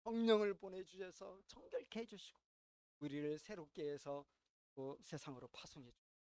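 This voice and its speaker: A man preaching a sermon as pastor, telling a story with sharp swings between loud and quiet and asking the congregation questions. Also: high voice, expressive, normal speed, dry recording, clean studio sound.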